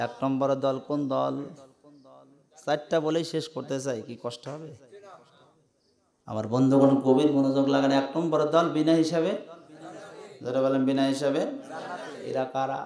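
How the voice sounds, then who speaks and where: A man preaching a fiery sermon, swinging between loud calls and hushed asides, breaking into chant-like sung phrases and urging the crowd to answer back. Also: medium pitch, fairly even intonation, normal speed, long pauses. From Bangladesh. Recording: echoey, roomy sound.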